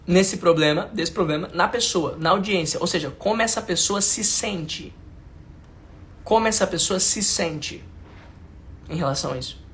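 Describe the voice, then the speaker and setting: Teaching a live online class, a male mentor with a Brazilian Portuguese accent speaks in a high-pitched, fairly bright voice. He leans on emphasis and repetition, keeps it informal with slang, addresses viewers directly, and checks if they are following.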